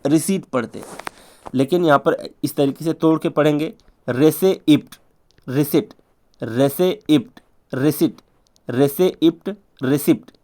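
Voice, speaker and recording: A man teaching an English spelling lesson in Hindi, drilling each word over and over in a sing-song way with quick asides. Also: a little high, darkish tone. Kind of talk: spelling lesson for exam prep.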